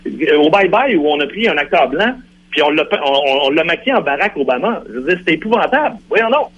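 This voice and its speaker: Heated radio guest: Quebec French man, husky and insistent. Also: a little high, very animated, quick pace, a bit bright. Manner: insistent, argumentative. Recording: lo-fi radio broadcast.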